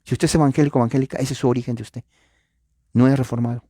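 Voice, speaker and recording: A man's voice: mid-range voice, flat delivery, rapid-fire, dark tone, dry recording, clean studio sound. A man teaching church history in an informal lecture, asking his listeners rhetorical questions and using frequent filler sounds. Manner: speaks directly to viewers.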